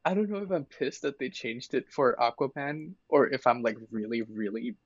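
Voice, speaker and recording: A man co-hosting a casual podcast, talking in an animated way with many fillers and laughing. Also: mid-range voice, normal speed, dry recording, highs cut off. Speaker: podcast co-host. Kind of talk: casual chat.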